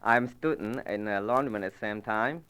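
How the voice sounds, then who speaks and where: A man's voice: on the low side, moderate pace, fairly bright tone, clean tone. A man from China, speaking hesitant, broken English in a street interview. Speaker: student and laundryman.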